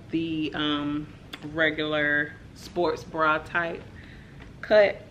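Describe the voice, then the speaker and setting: A woman's voice: low voice, slight background noise. A young woman, chatting casually to camera as she shows off her shopping haul. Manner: chatty, relaxed, lots of "like" and "y'all". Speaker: vlogger.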